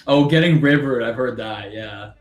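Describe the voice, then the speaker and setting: A young Canadian man with a medium-pitched voice co-hosts a trading live stream at a moderate pace. He chats casually and rambles with lots of fillers, laughing often, while the roomy recording carries faint music.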